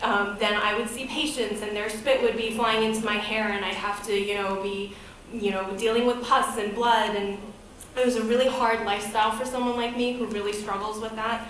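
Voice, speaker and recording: A woman's voice: fairly high pitch, fairly even intonation, normal speed, a bit bright, far from the mic, slight background noise. A woman in her thirties from the United States, giving a candid, conversational personal talk as a guest presenter at a podium. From United States, grew up in Boston. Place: event hall, speaking at a podium. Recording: very echoey hall.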